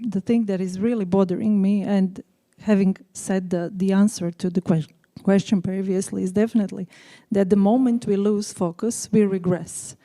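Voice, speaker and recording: A woman's voice: medium pitch, dark tone. Earnest Croatian-accented woman asking a question. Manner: earnest, persistent. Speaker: audience member asking a question. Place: lecture hall.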